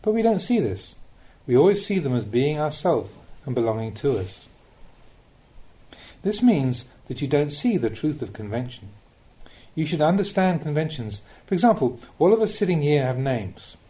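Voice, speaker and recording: With a fairly high, very animated, mellow voice, a man reads spiritual teachings as an audiobook narrator. His manner is measured and instructive, marked by emphatic phrasing.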